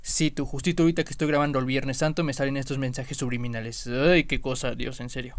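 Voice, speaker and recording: Man, horror game let's play, excitable, mid pitch, dry recording. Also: fast, no echo. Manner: excitable, jumpy, swears and exclaims at scares. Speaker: gaming youtuber.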